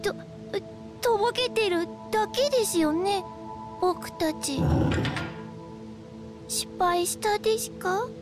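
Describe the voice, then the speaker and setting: A woman's voice: very high-pitched, slow pace, long pauses. A woman voicing a small, cute, timid spirit creature in a video game, with childish, quirky phrasing. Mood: worried pleading. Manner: childish, quirky sentence endings. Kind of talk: Japanese RPG cutscene voice acting. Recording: game soundtrack music behind.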